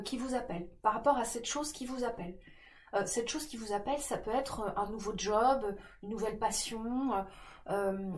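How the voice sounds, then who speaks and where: A woman giving a casual card-reading guidance, gentle and reassuring, with many fillers and restarts. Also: a little high. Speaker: tarot card reader.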